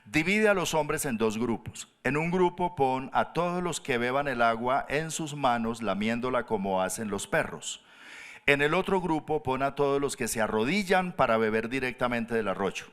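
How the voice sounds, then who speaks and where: A pastor preaching a sermon, animated, jumping up high for emphasis and dropping to soft low tones. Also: male voice, normal speed. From Colombia.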